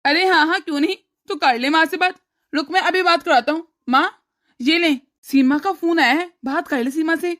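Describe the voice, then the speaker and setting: A woman voicing a cheerful, kind grown brother on a phone call in a cartoon story, speaking warmly and reassuringly. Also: extremely high pitch, normal speed.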